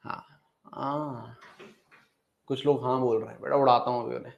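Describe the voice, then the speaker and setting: A man's voice: mid-range voice, fairly even intonation, moderate pace, vocal fry, muffled recording. A young man teaching chemistry, coaxing and repeating phrases as he asks questions and answers them himself. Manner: mixes English terms into the talk, calls students "beta". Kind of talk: classroom lecture.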